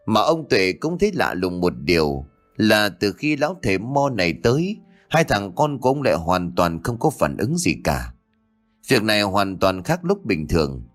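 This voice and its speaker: A man narrating a ghost story in a dramatic, expressive reading. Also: on the low side, moderate pace. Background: faint background music.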